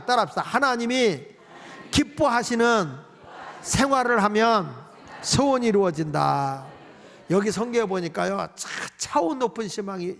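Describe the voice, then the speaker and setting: A middle-aged male pastor with a high, gravelly voice that swoops up and down as he preaches. He keeps the delivery lively and drops playful mimicking asides. A long reverb rings around him in a large church sanctuary. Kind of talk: Friday night service sermon.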